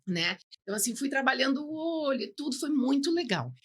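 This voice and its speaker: A woman's voice: high-pitched, big pitch swings, fairly quick, a bit bright. A woman psychologist, chatting as a podcast guest, explaining with frequent checks like "né". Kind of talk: casual podcast interview.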